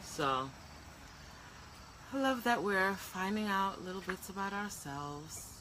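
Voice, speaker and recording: A woman co-hosting a casual live-stream chat, frank and animated, ranting with quick asides. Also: mid-range voice, slight background noise, low-quality recording. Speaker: co-host.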